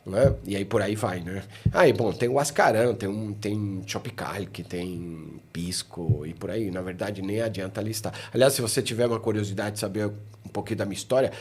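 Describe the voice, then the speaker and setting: A man's voice: on the low side, normal speed, husky. A middle-aged man from Chile, a mountaineering guide chatting as a podcast guest, often ending phrases with tag questions. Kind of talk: casual podcast conversation.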